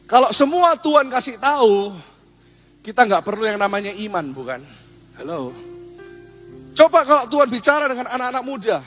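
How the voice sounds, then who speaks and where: A man pastor, preaching a lively, humorous sermon and asking the congregation questions. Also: very high-pitched, moderate pace, long pauses, faint music behind.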